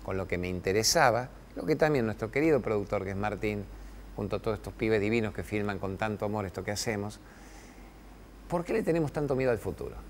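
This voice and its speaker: A middle-aged man with an Argentine accent hosting a TV talk show, giving a motivational spiritual talk to camera with emphatic, preachy delivery and long pauses on key words. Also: lowish voice, slight background noise. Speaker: TV show host. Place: TV studio with camera crew.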